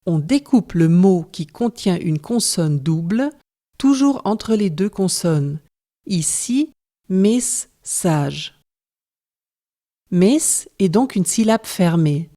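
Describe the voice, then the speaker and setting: A woman's voice: on the low side, lively intonation, slow pace, warm tone. A woman narrating a scripted lesson as a French teacher, explaining step by step in a careful manner.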